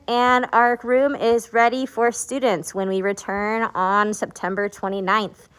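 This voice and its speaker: A woman's voice: a little high, a bit bright, smooth. A woman teacher speaking through a face mask, giving an upbeat, informal welcome presentation to families in a classroom. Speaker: high school English teacher. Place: school classroom.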